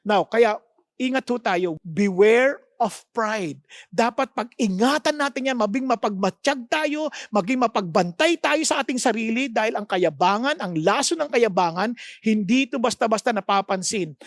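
A woman's voice: fairly high pitch, animated, normal speed, no echo, studio quality. A woman from the Philippines with a Filipino accent, preaching a sermon that mixes Tagalog and English, putting rhetorical questions to her listeners and explaining words with emphasis. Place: podcast recording.

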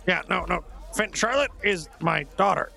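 Male tabletop player in character, blunt and animated, high-ish gravelly voice. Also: moderate pace. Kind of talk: in-character tabletop role-play.

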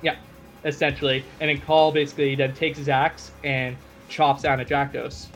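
A man's voice: medium pitch, flat delivery, moderate pace, a bit bright, soft background music. Chatty man recapping a story. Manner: chatty, lots of fillers. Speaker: podcast host. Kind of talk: casual book recap.

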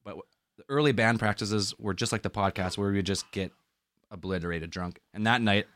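A man hosting a podcast, telling stories in a relaxed way and cueing up clips. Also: fairly low pitch, brisk, dry recording. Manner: relaxed storyteller, cues the clips. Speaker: podcast host. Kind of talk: casual chat.

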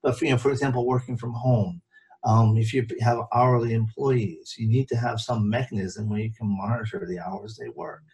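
A man on a casual panel discussion, explaining legal issues in a halting way, with many fillers and restarts. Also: mid-range voice, fairly even intonation, darkish tone, rough recording. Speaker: lawyer guest.

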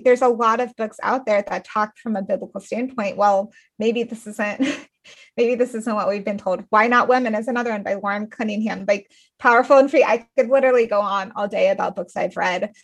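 A woman in her thirties, a guest author in a podcast interview, telling a personal story in an earnest, emotional way with many restarts and fillers. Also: mid-range voice. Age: 30s.

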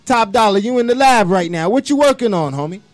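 A man hosting a casual radio interview, relaxed and friendly, calling guests bro and homie. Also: sits high, fairly quick, no room sound, soft background music. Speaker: host.

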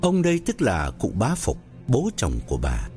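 A man narrating a ghost story in a slow, measured storytelling manner. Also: mid-range voice, wildly swooping pitch, darkish tone, faint music behind.

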